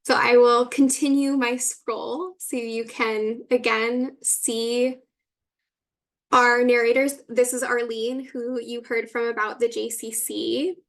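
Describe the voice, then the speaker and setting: Flat-voiced woman presenting a webinar. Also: fairly high pitch, slow pace. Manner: explanatory, introducing clips. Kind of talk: guided exhibit tour on a webinar.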